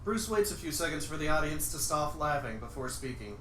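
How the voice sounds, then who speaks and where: Speaking fairly quickly and expressively, this man has a fairly high, pushed and bright voice. As a livestreamer, he does an amused comic reading of a screenplay, often dissolving into laughter. The audio is roomy, from a distant mic, with faint noise.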